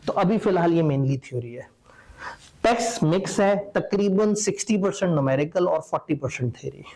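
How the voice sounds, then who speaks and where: A man's voice: on the high side, lively intonation, normal speed, a little mellow. A man lecturing accountancy students in a conversational, wry and opinionated way. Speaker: teacher.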